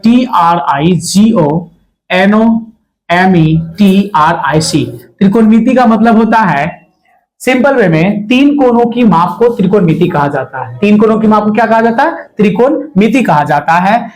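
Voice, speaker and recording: A man's voice: high-pitched, low-quality recording. A man teaching a math class. He asks the students questions, answers them himself and repeats the key words. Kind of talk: classroom lecture.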